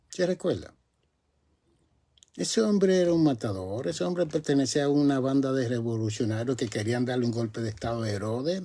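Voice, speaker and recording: A man's voice: medium pitch, dark tone. A man, a pastor preaching a sermon, rising to emphatic peaks and stretching out key words.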